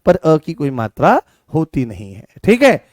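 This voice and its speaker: Unhurried, with wildly swooping pitch, a man with a Rajasthani Hindi accent teaches grammar in an online exam-prep lesson. His voice sits high for a man, and he repeats points, coaxes students by asking them questions and calling them beta, and answers viewers' comments by name. The recording is close and dry, with no room sound.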